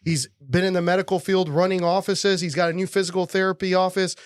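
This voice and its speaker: A man hosting a business podcast, introducing a guest in an energetic, hyped-up way. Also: high voice, fast talker, smooth, no room sound, studio quality. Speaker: podcast host. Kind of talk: podcast intro and casual chat.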